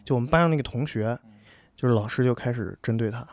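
A young man casually telling a school story on a podcast, animated and laughing often. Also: medium pitch, quick pace. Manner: animated, laughs often, acts out quoted lines.

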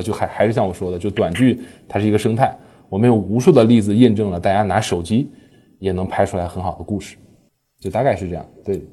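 A man's voice: lowish voice, mellow, slightly rough. A man talking as a guest on a podcast panel, explaining how his platform runs its short dramas, with many fillers and self-corrections.

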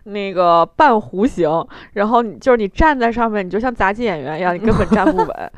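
A woman's voice: medium pitch, expressive, brisk, dry recording. A woman talks casually as a podcast co-host. She is teasing and inquisitive, with a mid-range voice. The recording is dry and close. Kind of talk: casual chat.

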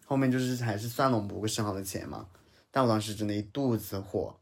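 A man's voice: on the low side, fast talker. A man telling a story in a casual chat, heated and ranting, with English words mixed in. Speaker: podcast co-host telling a story.

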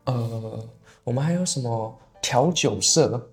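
A man's voice: mid-range voice, slow, soft background music. Young Taiwanese man in easygoing chat. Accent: Taiwanese Mandarin. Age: young adult. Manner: relaxed, easygoing, frequent "对" affirmations. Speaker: podcast co-host. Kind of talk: casual chat.

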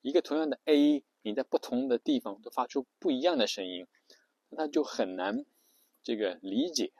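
A man's voice: mid-range voice, normal speed, a little mellow, dry recording. A man giving a casual spoken lesson, chatty and full of fillers, often stopping to ask his listeners a question.

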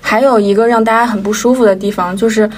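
A woman's voice: mid-range voice, fairly even intonation, fast talker, far from the mic. A woman co-hosting a podcast, talking through ideas in casual, analytical chat with some internet slang. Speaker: podcast co-host.

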